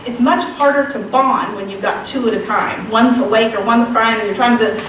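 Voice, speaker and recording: This retreat speaker, a woman in her thirties from Southwest Virginia with a slight Southern accent, gives a casual talk full of self-deprecation and frequent ums. She speaks at normal speed in a fairly high, bit bright voice with fairly even intonation. Heard from afar in a large echoey room, the recording is very echoey and noisy.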